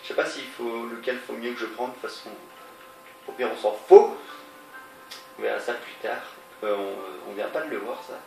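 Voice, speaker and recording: With game music in the background, a man with a cold-blocked nose does rambling, hesitant let's-play commentary, packed with fillers and restarts. His medium-pitched voice moves at normal speed, mellow with vocal fry, and he pauses often. The recording is roomy, taken on a distant mic.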